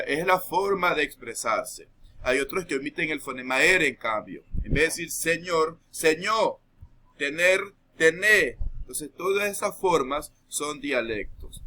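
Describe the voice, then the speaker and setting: A man teaching a recorded lesson, explaining patiently and checking understanding with quick asides. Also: on the high side, pushed and bright.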